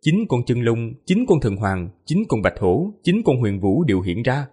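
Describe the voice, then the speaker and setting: A male audiobook narrator telling a fantasy battle epic with vivid, emphatic delivery. His voice is husky and slightly breathy, and his pitch swings widely to drive the action. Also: big pitch swings, moderate pace, dark tone. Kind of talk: dramatic fantasy novel narration.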